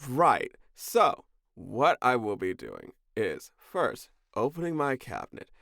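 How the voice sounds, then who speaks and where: A man co-hosting a podcast in casual chat, telling a story with animated, gleefully deadpan delivery. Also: mid-range voice, takes it slowly, gravelly, no echo, studio quality. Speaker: podcast co-host.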